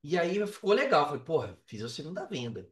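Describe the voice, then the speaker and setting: His pitch, a little high and fairly bright, swoops wildly as he talks fairly quickly. He's an affiliate marketer and podcast guest with a Brazilian Portuguese accent, casually telling his own story with slang, swearing, and emphatic repetition, recorded with roomy echo far from the mic.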